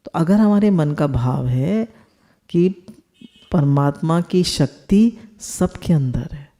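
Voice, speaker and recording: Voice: mid-range voice, takes it slowly, mellow. A spiritual teacher giving a discourse, explaining with everyday household examples and asking the listeners rhetorical questions.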